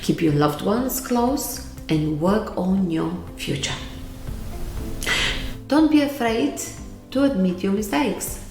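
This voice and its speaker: A woman's voice: medium pitch, expressive, slow, long pauses, darkish tone, echoey room, soft background music. A middle-aged woman from Bulgaria with a Bulgarian accent, giving earnest, emphatic motivational advice to camera and repeating key words. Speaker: vlogger giving life advice.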